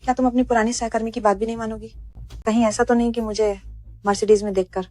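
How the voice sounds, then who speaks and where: A woman's voice: a little high, little pitch movement, quick pace, dark tone, no echo, natural voice. An actress dubbing a snobbish young female former coworker who talks in a mocking, condescending way. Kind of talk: dubbed drama dialogue.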